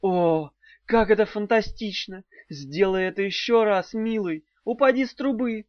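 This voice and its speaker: A man voicing a young woman sorceress who taunts with mock-passionate, breathy sighs, in a dull, dry recording. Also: sits high, measured pace, no room sound, voice pushed up.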